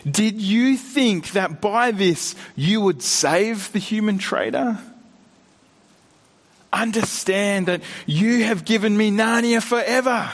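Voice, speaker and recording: A man's voice: high-pitched, full character voice. A man reading the lines of a cruel, gloating witch queen from a children's story during a sermon, with a cold, commanding, taunting manner.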